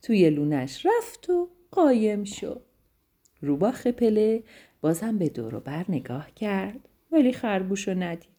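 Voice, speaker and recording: A woman telling a bedtime story to children in a gentle, affectionate way. Her voice is warm and mellow, with lively, sing-song rises and falls of pitch that bring the tale to life.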